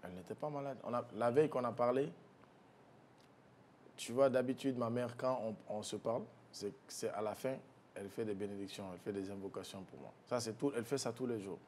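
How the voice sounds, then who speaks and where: A man tells a painful family story to an interviewer. He speaks softly and haltingly, often restarting his sentences. His voice drops low in the heaviest parts, and a faint rumble sits under the recording. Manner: soft-spoken, halting with restarts, low when recalling grief. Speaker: guest.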